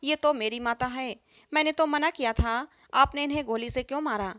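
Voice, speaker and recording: A woman's voice: high voice, normal speed, a bit bright, dry recording, clean studio sound. A woman reading the lines of an innocent young boy grieving for his mother, earnest and pleading, in her own voice.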